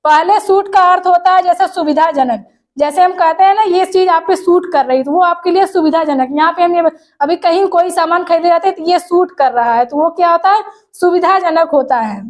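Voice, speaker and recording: Female teacher, very high pitch, explains step by step with rhetorical questions and slow read-out definitions. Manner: reads definitions slowly. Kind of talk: exam-prep language lesson.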